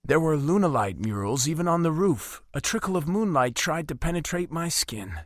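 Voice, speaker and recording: A man reading a first-person fantasy romance audiobook in an expressive, emotive way. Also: a little high, normal speed, no echo, studio quality. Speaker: audiobook narrator.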